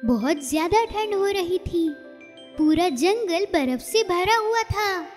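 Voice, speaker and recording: A woman narrating a storybook cartoon in an expressive, storytelling way. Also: very high voice, slow pace. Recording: reverberant, with music underneath.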